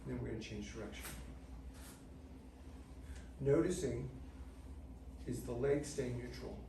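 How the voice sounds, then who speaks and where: A man's voice: medium pitch, creaky. Echoey, distant man leading an exercise class. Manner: measured, technical, instructing in short phrases. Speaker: movement class instructor. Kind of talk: step-by-step exercise instruction. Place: large indoor studio with treatment tables. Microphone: far camera microphone. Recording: distant mic, very echoey, noisy room.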